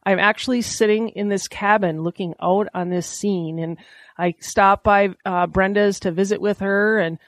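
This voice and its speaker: A woman's voice: medium pitch, steady tone, normal speed, dry recording. A woman hosting a casual outdoor podcast from a small cabin, talking in a chatty, folksy storytelling way. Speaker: podcast host. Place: small lakeside cabin, indoors.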